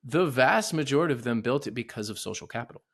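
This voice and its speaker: A man's voice: medium pitch, animated, fast, slightly rough. A man hosting a casual interview, asking pointed rhetorical questions and stumbling through restarts. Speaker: podcast host.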